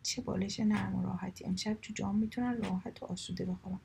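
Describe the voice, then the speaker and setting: A woman voicing a carefree auntie crow in a children's story, delighted and relaxed. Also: medium pitch, creaky, a little hiss or hum.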